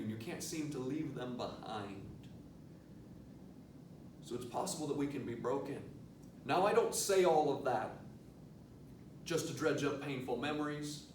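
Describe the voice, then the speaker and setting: A man giving an earnest, emphatic motivational lecture to students, leaning on rhetorical questions. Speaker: motivational speaker, teacher addressing students. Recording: echoey room, distant mic, low rumbling noise.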